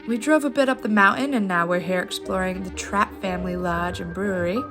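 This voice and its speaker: Narrating a travel vlog, a woman speaks a little fast in a medium-pitched voice. Her delivery is upbeat, playful and theatrical, with music playing behind her.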